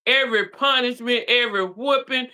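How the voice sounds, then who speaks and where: A woman's voice: a little high, normal speed, pushed and bright. A middle-aged woman in a casual chat, speaking earnestly and affirmingly. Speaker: co-host.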